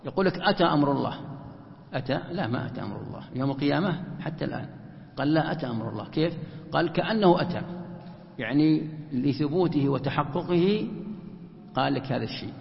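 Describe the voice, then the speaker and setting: A man's voice: fairly high pitch, lively intonation, fast talker, creaky, long pauses. A man teaching a Quran commentary lesson, who asks rhetorical questions and answers them himself. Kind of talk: explanatory religious lesson. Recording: echoey hall, muffled lo-fi sound.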